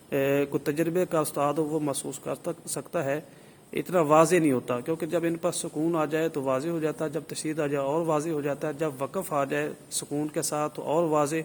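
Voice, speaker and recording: A man gives a patient recitation lesson in a fairly high voice. He explains each sound carefully and models the words he teaches. A faint hiss of background noise sits under his voice. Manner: explains slowly, models drawn-out sample recitations. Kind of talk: tajweed lesson.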